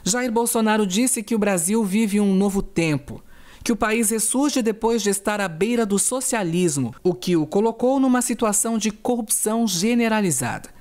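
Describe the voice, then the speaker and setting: Woman reading a steady news voice-over. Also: medium pitch. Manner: steady, even reporting delivery. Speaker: news correspondent. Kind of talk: scripted news narration.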